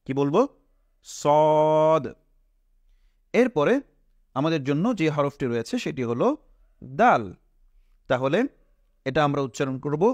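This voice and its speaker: A male teacher with a Bangladeshi Bengali accent leads a patient pronunciation lesson, stretching each letter sound and repeating it. His voice sits a little high for a man. The recording is dry and close, with no room echo. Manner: asks the class questions and answers them himself. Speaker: Quran reading teacher.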